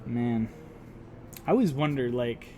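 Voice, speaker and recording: A man's voice: mid-range voice, lively intonation, measured pace, mellow. A man with a Utah accent casually talking through a painting tutorial, laid-back and dropping his T's. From Utah, United States. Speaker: host, miniature painting instructor.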